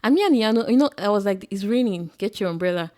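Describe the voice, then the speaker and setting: Fast-talking Nigerian woman telling stories. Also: medium pitch. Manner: rambling, animated storytelling with many "like"s. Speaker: podcast co-host. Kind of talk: casual chat.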